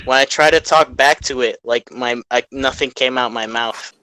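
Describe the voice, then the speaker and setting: A man's voice: medium pitch, normal speed, bright, forceful tone, clean tone, low-quality recording. A young man chatting bluntly on a podcast with crude jokes. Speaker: podcast guest. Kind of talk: casual chat.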